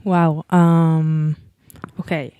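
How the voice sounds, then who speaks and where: A woman's voice: sits low, little pitch movement, drawn-out words, warm tone, clean tone, no room sound. A young woman from Israel with an Israeli accent, answering conversationally as a panel guest.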